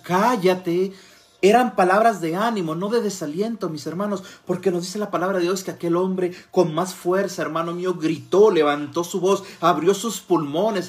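A man preaching a sermon, dropping to soft murmurs and then rising to loud fervent cries as he calls out to his listeners as brothers. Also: high voice.

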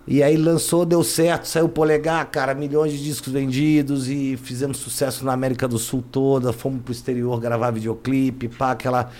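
A man's voice: mid-range voice, flat delivery, normal speed, few pauses, a little mellow. A man, a guest telling his life story in casual, slangy talk that leans on "né" and "cara". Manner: slangy, keeps adding "né" and "cara". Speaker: interview guest.

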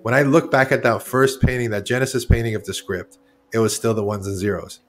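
A man's voice: mid-range voice, fairly even intonation, brisk, soft background music. A man in his forties, originally from Iran, talking as a guest artist in a casual interview, rambling and correcting himself as he goes. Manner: rambling, candid, self-correcting.

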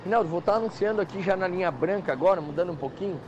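A man's voice: high voice, rapid-fire. A man with a southern Brazilian accent giving an insistent hard-sell live ad as a store manager, repeating prices and deals. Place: outdoors or storefront by a busy avenue. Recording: dull outside-broadcast line, clear street noise. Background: noisy traffic.

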